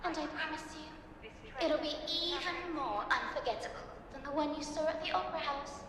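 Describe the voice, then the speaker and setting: A woman's voice: high-pitched, moderate pace, noisy background. An actress voicing a mocking female terrorist who hijacks a train station's intercom to make threats in a playful, menacing way. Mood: taunting. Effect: over a station intercom loudspeaker. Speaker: villain. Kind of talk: video game voice acting. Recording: echoey, reverberant loudspeaker in a large hall.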